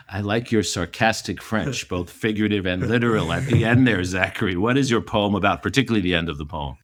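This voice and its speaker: A man hosting a podcast, a historian leading an animated conversation and laughing easily. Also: lowish voice, moderate pace, no echo, clean studio sound.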